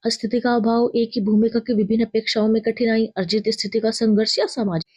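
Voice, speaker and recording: Female tutor going through exam quiz questions; slightly high, warm, dry close-mic sound. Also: level tone, fairly quick, slightly rough, no echo. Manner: explains answers, corrects herself. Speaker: teacher.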